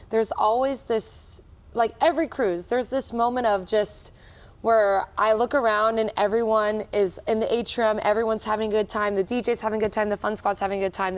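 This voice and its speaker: A young adult woman giving casual interview answers as a cruise director, with an upbeat, enthusiastic manner. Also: medium pitch.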